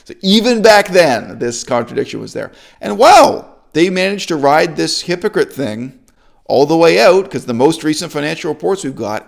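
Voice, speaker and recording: A man giving an opinionated, sarcastic monologue as a channel host, emphatic and animated. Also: creaky. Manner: sarcastic, emphatic, lively swings of pitch. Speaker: YouTube commentator.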